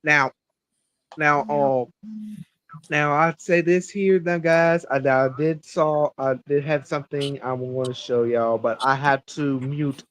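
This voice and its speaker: A man hosting a casual live stream, talking in a halting way with many fillers and restarts. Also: on the high side, fairly even intonation, a bit bright. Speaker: streamer host.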